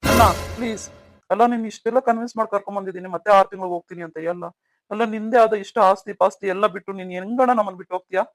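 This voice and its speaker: A man's voice: high voice, steady tone, racing, no echo, faint music behind, lightly acted. A man voicing an earnest young married man who pleads with his elder brother in a cartoon story. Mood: pleading. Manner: pleading, emotional.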